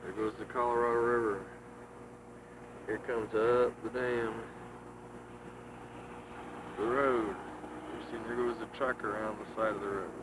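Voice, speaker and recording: A man's voice: medium pitch, fairly even intonation. A man casually narrating what he films outdoors at a dam, recorded on a hissy old VHS home-video tape through the camcorder mic, with traffic behind. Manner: slow, plain narration of what the camera shows. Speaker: camera operator filming a family trip. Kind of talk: casual running commentary while filming. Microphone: camcorder's built-in mic.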